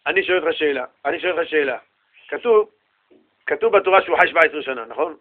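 A man teaching a Torah lesson to students in an animated way, asking them questions and acting out the people in the story. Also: on the high side, narrow, tinny audio. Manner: animated, asks his listeners questions and acts out the people in the story.

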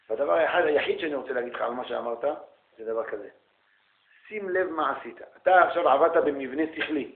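A man lecturing as a rabbi, animated, calling listeners brother and asking rhetorical questions. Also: a little high, gravelly, a little hiss or hum. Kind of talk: lively religious lecture. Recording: echoey room, tinny phone-like sound.

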